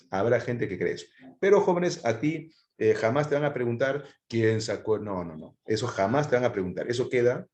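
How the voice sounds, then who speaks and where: A man's voice: lowish voice, darkish tone. A man teaching a live history class, talking conversationally and asking students rhetorical questions. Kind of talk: live online class lecture. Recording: echoey room.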